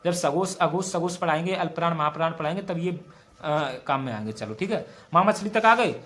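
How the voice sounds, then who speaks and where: A man's voice: fairly high pitch, animated, normal speed, a bit bright. A young man with a western Uttar Pradesh Hindi accent teaching an exam-prep grammar lesson, repeating each point and drilling mnemonics over and over. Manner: repetitive, drilling mnemonics aloud.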